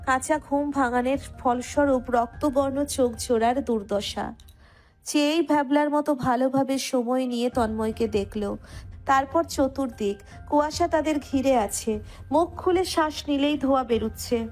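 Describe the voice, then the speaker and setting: A woman narrator reading a scripted romantic story in expressive literary prose. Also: high voice, normal speed, soft background music.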